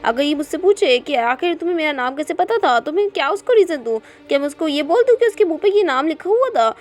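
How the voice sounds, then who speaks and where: A woman's voice: sits high, big pitch swings, fast, darkish tone. A woman reading the thoughts of a frightened young woman caught in a dangerous situation, in a pleading inner monologue. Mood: worried. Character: frightened young woman, time traveler, anxious.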